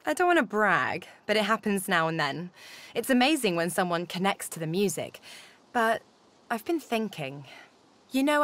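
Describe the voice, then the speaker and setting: Wry, easygoing wandering musician. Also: female voice, fairly low pitch, a bit bright. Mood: wry, fond, then pensive. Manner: casual, conversational, reflective. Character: wry, easygoing female musician haunted by inner spirits. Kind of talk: video game companion dialogue.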